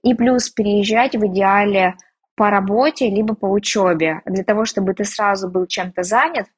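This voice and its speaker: Chatty and frank, a Russian emigrant woman laughs at herself during a casual interview. She talks at a normal speed in a mid-range, slightly rough voice with fairly even intonation.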